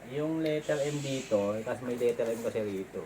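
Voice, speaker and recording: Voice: mid-range voice, fairly quick. A chatty vlogger unboxing a gadget in casual talk, reading product features aloud. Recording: noisy home recording.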